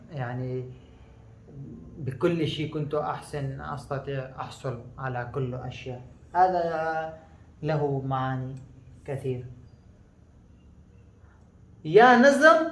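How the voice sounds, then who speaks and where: A man from Afghanistan whose first language is Pashto, explaining proverbs in a lesson, slow and halting with many pauses and fillers. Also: fairly high pitch. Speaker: language teacher. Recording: echoey room.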